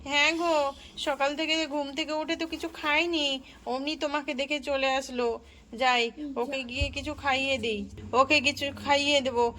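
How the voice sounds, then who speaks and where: A woman voicing a busy, practical mother giving quick instructions in doll play. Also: high-pitched, level tone, bright, forceful tone, slight background noise. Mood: brisk. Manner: brisk, instructing tone.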